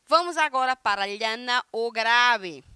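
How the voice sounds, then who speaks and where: A woman's voice: fairly high pitch, expressive, bright, forceful tone, clean tone, dry recording, clean studio sound. A woman with a Brazilian Portuguese accent, teaching a Spanish grammar lesson, explaining step by step and often checking in with her students. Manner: reads Spanish examples slowly and deliberately. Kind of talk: recorded online grammar lesson.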